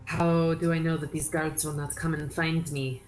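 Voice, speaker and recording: A woman voicing a wary, lonely outsider who is unused to kindness, speaking slowly and guardedly. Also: sits low, flat delivery, faint music behind, close to an everyday voice, rough recording.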